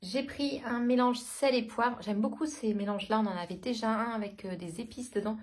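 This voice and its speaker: A woman's voice: on the high side, brisk, a little hiss or hum. A woman in her thirties chatting casually through a shopping haul, hesitant with many fillers. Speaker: vlogger. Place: home.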